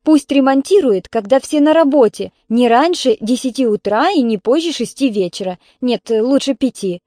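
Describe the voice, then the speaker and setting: A woman's voice: high voice, lively intonation, normal speed, dark tone, no room sound, studio quality, voice pushed up. A woman voicing an irritable, grumbling middle-aged mother. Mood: indignant. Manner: grumbling, exasperated.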